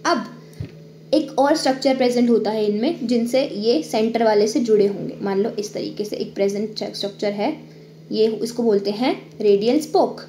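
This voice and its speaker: High-voiced woman teaching biology. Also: normal speed, warm tone, reverberant, slight background noise. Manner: explains step by step, checks in with "ठीक है"; drawing on screen while talking. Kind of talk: online exam-prep lecture.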